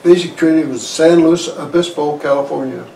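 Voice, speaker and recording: A creaky, dark-toned voice on the high side belongs to a man in his eighties, a Korean War veteran recalling his life conversationally for an oral history. His speech is halting, folksy and plain. He sits indoors in an armchair in a small living room, recorded via shirt-clipped lavalier with roomy, distant sound and faint noise.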